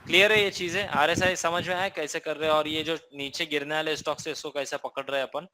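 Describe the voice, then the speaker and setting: A man's voice: on the high side, steady tone, fast, sharp tone, slight background noise, rough recording. A man with an Indian accent teaching a live trading class, explaining casually and often checking in with listeners.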